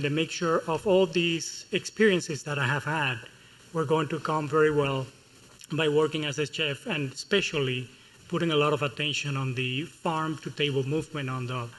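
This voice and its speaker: A man from Cuba with a Cuban Spanish accent, a chef speaking on a panel at a public event. He talks in a thoughtful, measured way, with pauses. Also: fairly high pitch, fairly even intonation, fairly bright tone, poor audio. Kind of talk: panel talk. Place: museum event hall.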